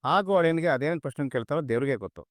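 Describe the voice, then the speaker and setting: A man's voice: fairly high pitch, lively intonation, racing, dry recording, clean studio sound, close to an everyday voice. An actor playing a former policeman and family man who talks casually, in a TV serial. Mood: chatty. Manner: casual, chatty. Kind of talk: TV serial acting.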